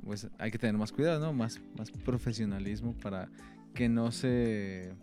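A man's voice: fairly low pitch, moderate pace, dark tone. A young man, rambling along in a casual chat, full of fillers. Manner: rambling, many fillers like "o sea". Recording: music playing under the talk.

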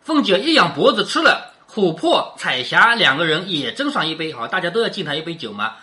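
Lively woman explaining a classic novel. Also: on the low side, a little fast. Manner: explains line by line, keeps checking in with questions. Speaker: teacher.

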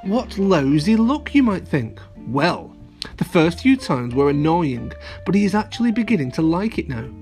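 A kids show host reading an alphabet storybook aloud to children, expressive and playful, with asides to young listeners. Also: mid-range voice, moderate pace, soft background music.

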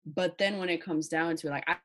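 A woman with a low voice talks in a casual podcast conversation. She sounds assertive and self-assured, stressing her points firmly. Her tone stays confident throughout. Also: fast talker, a bit bright. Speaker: podcast co-host.

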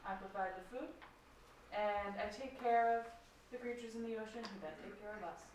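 A woman's voice: medium pitch, steady tone, brisk, a little mellow. A woman in a tabletop game introducing her character in a plain, matter-of-fact way. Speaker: player. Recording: echoey room, distant mic, noise.

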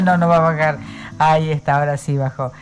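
A woman radio host introduces her guest in a relaxed, easy-going way. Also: deep voice, quick pace, over music. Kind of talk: radio hosting.

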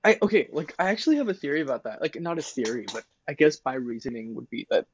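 A man co-hosting a casual podcast, talking in an animated way with many fillers and laughing. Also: medium pitch, fast, highs cut off, slight background noise. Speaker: podcast co-host. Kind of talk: casual chat.

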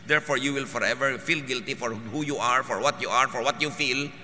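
A man preaching a sermon, mixing Tagalog and English, with an animated and forceful delivery. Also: medium pitch, brisk, in a large hall, a little hiss or hum. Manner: animated, switching between Tagalog and English, rising to forceful emphasis.

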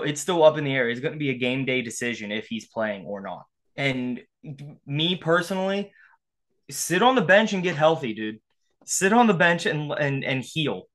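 A man co-hosting a casual sports podcast, getting fired up and swearing, his voice jumping high when riled. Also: a bit bright. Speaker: podcast co-host.

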